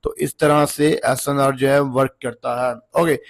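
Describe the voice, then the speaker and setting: A man with a slightly hoarse voice from long talking, giving a casual, chatty trading lesson while walking through a chart on screen and checking in with the viewer often. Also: mid-range voice, level tone, unhurried. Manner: chatty, repeats checks like "okay ji" and "look". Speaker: trading instructor.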